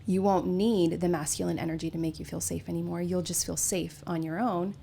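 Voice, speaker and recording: A woman in a casual group discussion, speaking in a calm, steady, affirming way. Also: lowish voice, brisk, gravelly, slight background noise.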